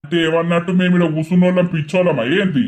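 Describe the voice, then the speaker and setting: A performer voicing an indignant male villager in a cartoon, scolding fast. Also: sits high, steady tone, darkish tone, natural voice.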